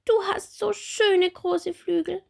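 A woman's voice: level tone, slow, gravelly, a little mellow, exaggerated voice. A woman voicing a little bumblebee girl who is timid and full of wondering questions, in a storybook. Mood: wondering eager. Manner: high, eager, questioning.

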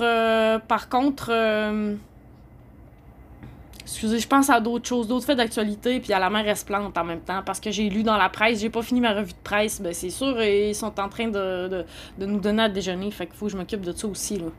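A woman's voice: mid-range voice, fairly even intonation, moderate pace, a little hiss or hum. A woman with a Québécois French accent, a journalist speaking in an indignant, rambling monologue full of "là" and "tu sais". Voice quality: heated, indignant rambling with frequent "là". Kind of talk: casual monologue. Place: homeless shelter.

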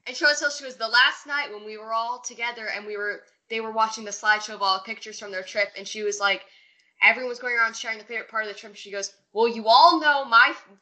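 A woman's voice: a little high, steady tone, quick pace, sharp tone, rough recording. A young woman in casual chat, recounting family anecdotes.

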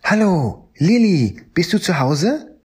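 A friendly young male dinosaur from a children's storybook, pitched up high and bouncing between notes, as a man reading the tale puts him on. He sounds cheerful and helpful, a little breathy at the edges. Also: very animated, slow, exaggerated voice.

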